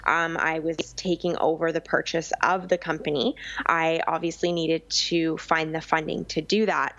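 A woman's voice: deep voice, a bit bright, no echo. A young woman from Vancouver Island, chatting as an interview guest about her business, with frequent ums and restarts. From Vancouver Island, Canada. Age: young adult. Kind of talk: conversational interview.

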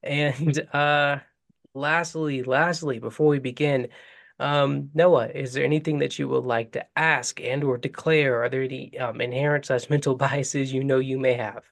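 A man's voice: medium pitch, fairly even intonation, normal speed, creaky. Chatty male podcast host. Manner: chatty, loose, laughing asides. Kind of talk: casual podcast chat.

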